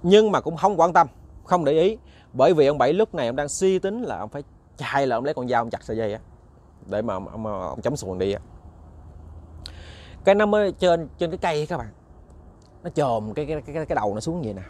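With a voice on the high side yet darkish in tone, a Southern Vietnamese-accented channel host tells a ghost story expressively, a little fast and pausing often. He chats directly with listeners, habitually repeating words as he looks for the next one.

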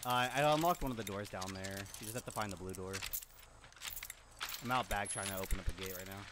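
Young male streamer, quick excited callouts, game noise loud under him. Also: on the low side. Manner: quick, excited, calls out moves as he plays. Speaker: gaming channel host. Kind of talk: casual gameplay chat with teammates.

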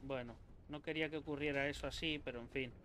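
A man from Spain with a Spanish accent, commentating his own gameplay in an excitable, swearing, talk-to-himself way. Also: medium pitch, fast, a little hiss or hum. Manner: excitable, swears a lot, talks to himself and viewers. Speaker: gaming YouTuber.

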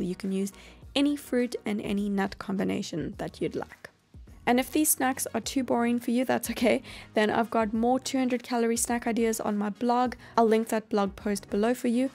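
A woman hosting a cooking channel, explaining each step of a meal prep in a calm voice-over. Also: a little high, creaky. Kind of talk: instructional voice-over.

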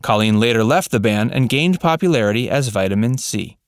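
A man narrating a scripted voice-over, reading facts in an even, read-out way. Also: medium pitch, a little fast, clear, resonant tone, dry recording.

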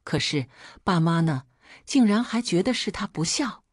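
A woman calmly reading a family story as the narrator. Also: on the low side, moderate pace, slightly rough, no echo, studio quality.

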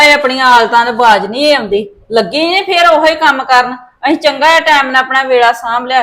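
A woman's voice: high voice, fairly bright tone. A woman playing an aggrieved, long-suffering mother of grown children in a family drama. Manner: complaining. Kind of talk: dramatic dialogue in a family serial.

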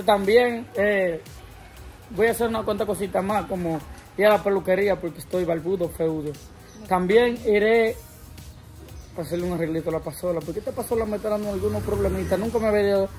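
A man with a Dominican accent hosting a casual vlog, chatty and teasing with the people around him. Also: sits high. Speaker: vlogger host.

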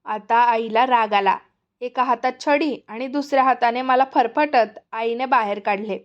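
A woman narrating a story for an audiobook in a gentle, expressive way. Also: on the high side, measured pace, lo-fi sound.

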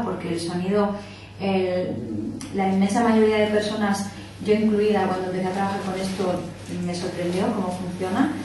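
A woman from the Barcelona area teaches a small workshop group informally, explaining with her hands and frequently asking "¿vale?" to make sure everyone is keeping up. Her voice is warm and medium-pitched. Recorded by a distant camera in a small indoor meeting room, the audio is echoey with faint hiss.

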